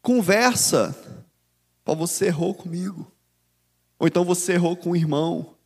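A man's voice: high-pitched, normal speed, slightly rough, in a large hall. A man with a Brazilian accent preaching a sermon as a bishop, talking animatedly and conversationally and often addressing listeners as "dear". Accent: Brazilian Portuguese.

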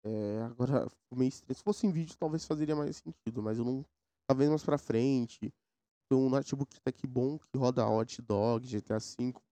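A fairly quick, dark-toned medium voice belongs to a São Paulo podcast host in his 20s, who rambles casually in slang across topics on his solo show. He's recorded at home, mechanical keyboard nearby, through a sound card with no echo.

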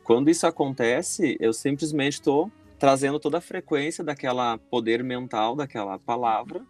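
A man's voice: medium pitch, moderate pace, a little mellow, soft background music. A man, explaining energy and vibration in a casual podcast chat, full of fillers and restarts. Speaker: podcast guest.

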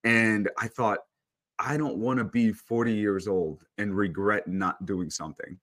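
Male, 30s, low voice, relaxed storyteller, podcast guest. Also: a little slow. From El Salvador. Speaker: photographer guest. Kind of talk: casual interview talk.

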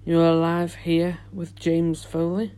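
A man hosts a solo podcast, chatting casually in an informal, halting, unpolished way. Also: on the high side, completely flat delivery, warm tone, clear, resonant tone. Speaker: podcast host.

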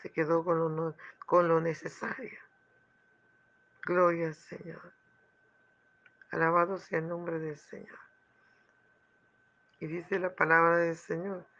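Gravelly high-voiced preacher. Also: male voice, lo-fi sound. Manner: fervent, with hushed asides and loud exclamations. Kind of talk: sermon with a retold parable.

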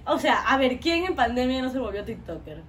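Giggly young woman, high voice. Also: big pitch swings, fairly quick, slight background noise. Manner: laughs often, teasing banter. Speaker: podcast co-host. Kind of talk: casual chat.

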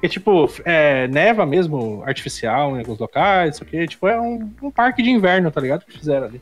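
Male, Brazilian Portuguese accent. Animated, slightly high-pitched podcast talker, informal, faint music underneath. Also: brisk. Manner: informal, slangy, peppered with tag questions. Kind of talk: casual podcast chat.

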